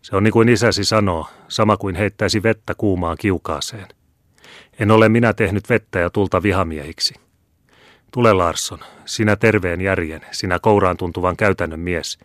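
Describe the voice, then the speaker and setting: A man's voice: deep voice, fairly bright tone, dry recording, studio quality. A man reading as a bitter old peasant leader. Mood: proclaiming. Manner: stern, proclaiming.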